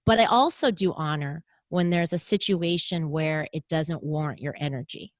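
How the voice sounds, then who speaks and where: Middle-aged American woman, low-voiced, earnest and motivational, interview guest, dry recording. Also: normal speed, no room sound. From United States. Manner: earnest, motivational, animated when quoting others. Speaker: podcast host and guest. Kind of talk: interview conversation.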